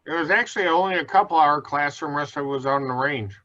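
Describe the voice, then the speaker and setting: A man chatting casually with fellow rider coaches over a video call, easygoing and quick to laugh. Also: a little high, sharp tone. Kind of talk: casual chat. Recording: dull lo-fi video call audio.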